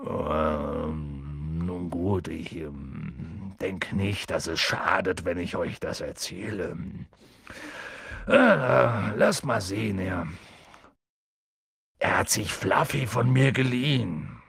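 A man voicing a big, gruff and kindly half-giant groundskeeper in an audiobook, rambling and hesitant with ums. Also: low-pitched, slow pace, fairly bright tone, dry recording, voice pushed down, exaggerated voice. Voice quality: gravelly, husky. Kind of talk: audiobook character voice.

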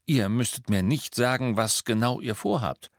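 A man's voice: medium pitch, moderate pace, dry recording, studio quality, natural voice. A man reading an audiobook and voicing a weary, guarded middle-aged male werewolf teacher who talks in a tense, insistent way. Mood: earnest, insistent.

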